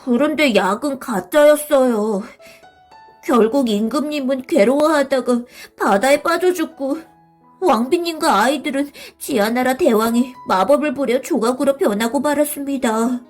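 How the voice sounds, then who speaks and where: A woman's voice: high voice, normal speed, a little mellow, voice pushed up, lightly acted. A woman voicing a polite, loyal wind-up robot servant in a storybook, speaking formally and earnestly, over faint music.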